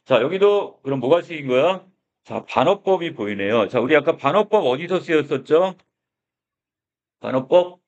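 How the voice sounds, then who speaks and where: A man's voice: a little high, lively intonation, moderate pace, lo-fi sound. A male middle school Korean teacher giving a literature lecture, opening his points with "자," and asking his students questions. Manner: explains with many "자," prompts and questions to students.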